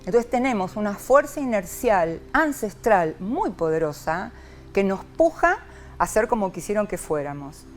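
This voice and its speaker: Soft music plays behind this woman, a psychologist from Argentina giving a reflective interview. She talks a little slowly in a mid-range voice, lively and expressive, with frequent rhetorical "¿no?".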